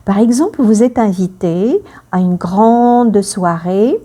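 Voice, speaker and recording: A woman teaching a French lesson, speaking slowly and clearly, repeating phrases for learners and acting out the emotions in her example sentences. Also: mid-range voice, expressive, mellow.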